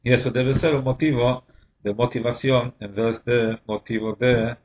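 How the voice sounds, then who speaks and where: Man, rabbi, religious lesson, measured explaining, hesitant pauses, mid pitch, muffled lo-fi recording. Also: fairly even intonation. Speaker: rabbi teaching a class. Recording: dull lo-fi recording.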